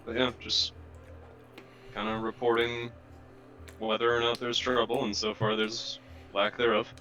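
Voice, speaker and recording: A man's voice: medium pitch, monotone, measured pace, bright, forceful tone, faint music behind, low-quality recording. A man playing a tabletop game over voice chat, talking in a loose, rambling way with lots of fillers. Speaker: player.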